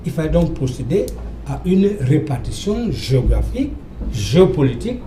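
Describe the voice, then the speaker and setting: A man's voice: fairly high pitch, big pitch swings, moderate pace, echoey room, crowd noise. An older professor from Cameroon arguing emphatically as a guest on a televised panel debate, often repeating his phrases. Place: TV studio.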